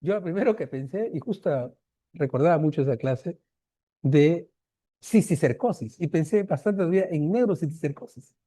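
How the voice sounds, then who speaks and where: Mellow Peruvian doctor telling a story. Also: male voice, fairly high pitch, moderate pace, dry recording. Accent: Peruvian Spanish. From Peru. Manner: lively storyteller acting out dialogue. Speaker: medical lecturer. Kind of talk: anecdote in an online lecture.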